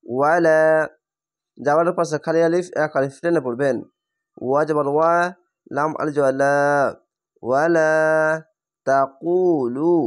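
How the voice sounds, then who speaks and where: A man teaching Quran reading, patiently spelling out each word letter by letter and slowly stretching the recited syllables. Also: a little high. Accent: Bangladeshi Bengali. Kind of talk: step-by-step spelling lesson.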